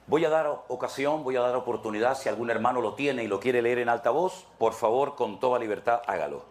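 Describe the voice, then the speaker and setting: A man's voice: mid-range voice, a little fast, slight background noise. A man preaching a sermon to his congregation as pastor, emphatic and repetitive, speaking to them directly.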